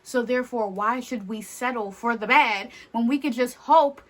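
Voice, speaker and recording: A woman's voice: a little high, normal speed. A young adult woman vlogger speaking straight to camera, blunt and exasperated, swearing freely as she rants. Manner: blunt, profane, exasperated ranting. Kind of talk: casual rant to camera.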